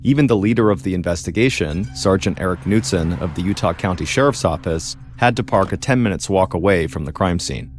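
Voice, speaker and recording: A man hosting a podcast, telling a true crime story in a measured, dramatic way with pauses. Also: sits low, faint music behind. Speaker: podcast host and narrator.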